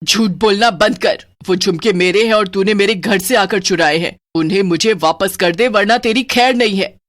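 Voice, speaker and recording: A woman's voice: mid-range voice, normal speed, close to an everyday voice. A woman voicing a scornful, menacing female witch spirit who talks down harshly and mockingly.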